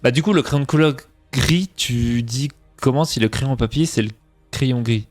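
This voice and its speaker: A man's voice: medium pitch, normal speed. Young guy streaming, faint franc-comtois accent, chatty and self-mocking, bit of music behind. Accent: slight Franc-Comtois French. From Franche-Comté, France. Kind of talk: casual live-stream chat.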